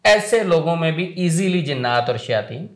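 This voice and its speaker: A man's voice: fairly high pitch, lively intonation, normal speed, roomy sound. A man speaking as a spiritual healer on a religious talk show, explaining earnestly in numbered points and quoting sayings.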